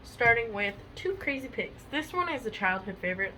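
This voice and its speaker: Young woman reading kids books out loud, chatty, bright voice, a bit high. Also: sing-song, a little fast, a little hiss or hum, poor audio. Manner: chatty, many fillers. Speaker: storybook reader. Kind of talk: casual chat and read-aloud storytelling.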